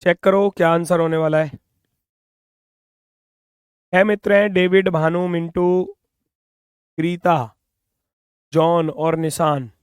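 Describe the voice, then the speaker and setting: A man teaching reasoning in an online exam-prep class, brisk and coaxing, sometimes scolding students playfully, speaking English with an Indian accent. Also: on the high side, fairly even intonation, clean tone, dry recording, clean studio sound.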